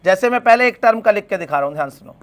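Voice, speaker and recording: A man's voice: high voice, animated, racing. A man teaching a math class, asking his students questions and then answering them himself. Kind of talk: classroom lecture.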